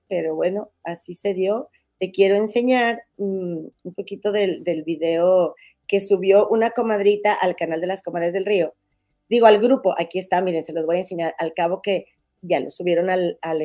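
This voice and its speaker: She has a warm, mid-range voice and a northern Mexican accent, being from Monterrey. On her casual gossip podcast she chats in a homey, talkative manner, though her head cold makes her sound nasal and stuffy.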